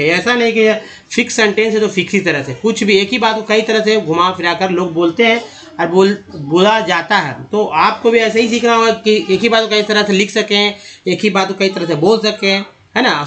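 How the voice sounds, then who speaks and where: A man's voice: high-pitched, a bit bright. A man giving an English pronunciation lesson in Hindi, explaining patiently and often restarting or repeating himself as he addresses viewers as friends. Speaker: English teacher.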